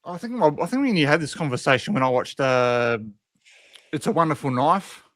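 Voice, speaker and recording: A man's voice: a little high, big pitch swings, brisk, a bit bright, no echo. A man chatting as a podcast guest, hesitant, restarting often and saying "obviously". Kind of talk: casual podcast chat.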